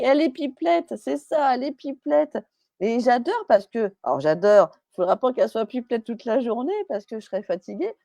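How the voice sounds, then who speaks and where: Chatty French woman medium, mellow voice. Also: on the high side, dry recording, clean studio sound. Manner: chatty, hesitant, many fillers and restarts; relays messages as quoted speech. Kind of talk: live stream reading.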